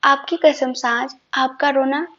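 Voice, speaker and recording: A woman voicing a loving young husband who reassures his wife softly in a storybook reading; dull lo-fi sound. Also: sits high, fairly even intonation, takes it slowly. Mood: tender reassuring. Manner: soft, reassuring, mixing English words.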